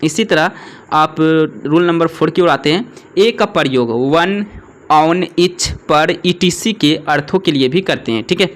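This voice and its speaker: A man's voice: on the high side, measured pace. Man teaching a questioning grammar lesson. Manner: repeats "ठीक है" and poses questions to the learner. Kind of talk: classroom-style grammar lesson.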